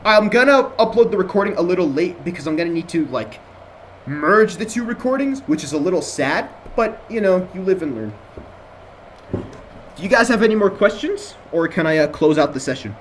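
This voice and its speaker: A young Jordanian man with an American accent rambles casually as a student lecturer in an online voice-call review session, chatty and full of fillers and restarts. His voice sits high with big pitch swings at a normal speed. The computer-mic audio is poor, with a little hiss or hum.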